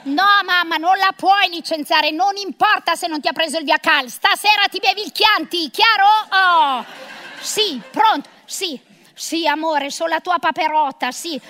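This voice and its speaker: A woman's voice: extremely high pitch, normal speed, pushed and bright. A middle-aged woman performing a comic monologue of phone calls as a bossy, sarcastic career mother.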